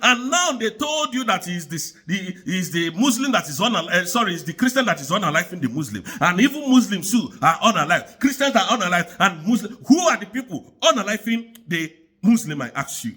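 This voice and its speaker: High-pitched, animated man ranting. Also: fairly quick, slightly rough. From Nigeria. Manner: angry, repetitive, preaching tone. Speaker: commentator. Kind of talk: impassioned political rant.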